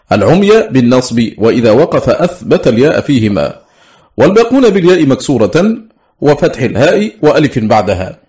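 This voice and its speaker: A man's voice: medium pitch, darkish tone. A man reading a scholarly text aloud for an audiobook, steadily and methodically listing one item after another. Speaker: audiobook reader. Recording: dull lo-fi recording.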